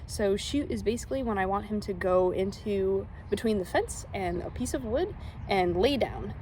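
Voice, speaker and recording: A woman's voice: medium pitch, a little mellow, slight background noise. A woman zookeeper giving an informal educational demonstration in simple, child-friendly, casual language. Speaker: zookeeper and animal trainer.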